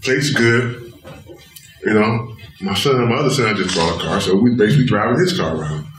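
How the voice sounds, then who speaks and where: A man's voice: on the low side, fairly quick, slight background noise. A middle-aged father telling an emotional story in an interview, talking in slang-heavy vernacular and asking "you know what I'm saying" again and again. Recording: echoey room, distant mic.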